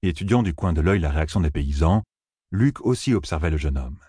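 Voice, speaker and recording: A man narrating an audiobook with a lively, expressive reading and a slightly husky voice. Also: very deep voice, fairly quick, dry recording, studio quality. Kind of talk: scripted narration.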